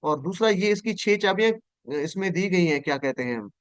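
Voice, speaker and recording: A man teaching Quranic Arabic in an online class, patiently saying each verb form slowly and having students repeat it after him. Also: sits high, animated, smooth, no echo.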